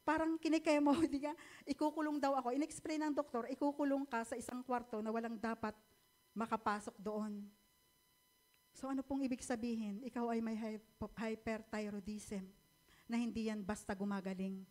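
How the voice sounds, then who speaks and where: A woman's voice: a little high, fairly even intonation, normal speed, darkish tone. A middle-aged woman telling her personal faith testimony to a church, in a polite, heartfelt storytelling way. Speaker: church member giving testimony.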